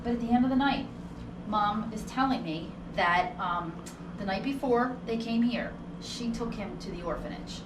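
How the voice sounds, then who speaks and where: A ghost tour guide with a slightly high voice tells her stories casually at normal speed, performing the quoted lines people spoke. The recording is roomy, with a distant mic and noticeable background noise.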